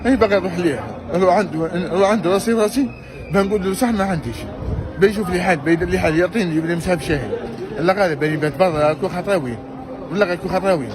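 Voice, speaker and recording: A man's voice: high voice, very fast. A young man with an Algerian Arabic accent, crying angrily in anguish as he pleads and repeats himself in a street interview. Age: young adult. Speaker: interviewee, orphan without housing. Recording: loud crowd and music, outdoor street.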